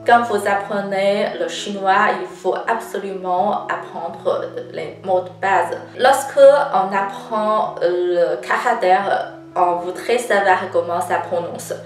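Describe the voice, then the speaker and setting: A Chinese woman teacher, medium-pitched with a Chinese accent, gives a slow, careful language lesson, patient and deliberate, frequently pausing on "euh" as she explains. The mic sounds roomy and a little distant, with some hiss or hum and faint guitar music.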